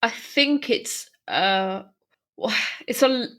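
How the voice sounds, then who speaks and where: Podcast co-host, woman with a stammer, bright voice, lively and agreeable. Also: fairly high pitch. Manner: stammers at times, quick to agree and laugh. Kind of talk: casual chat.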